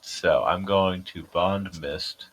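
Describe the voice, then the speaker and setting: Very deep-voiced New England man. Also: slow pace, fairly bright tone, poor audio. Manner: laid-back, dry joking. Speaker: card game opponent. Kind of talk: casual chat while playing a card game.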